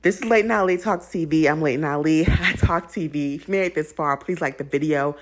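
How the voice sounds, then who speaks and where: This deep-voiced woman talks fairly quickly as she hosts a TV recap, addressing viewers in a casual, chatty way. Raised in a Jamaican household in the United States, she offers blunt, strongly opinionated takes and laughs readily as she goes.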